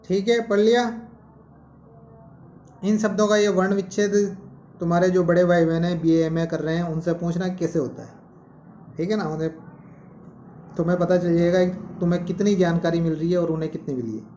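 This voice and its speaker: A male teacher, explaining a lesson slowly and posing questions to students. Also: high voice, steady tone, warm tone, roomy sound. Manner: slow, explanatory, asks questions. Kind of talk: classroom-style lesson.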